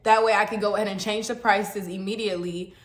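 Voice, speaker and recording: A woman's voice: medium pitch, fairly even intonation, fast talker, roomy sound. A young woman, talking casually to her viewers about her lash business while she eats. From Texas. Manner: chatty, addresses viewers as y'all. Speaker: lash business owner and vlogger. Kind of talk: casual vlog chat to viewers.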